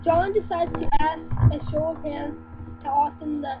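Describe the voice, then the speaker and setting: A young woman reading dirty jokes aloud in a halting, giggly way, on a lo-fi home recording with hum. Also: high-pitched, steady tone.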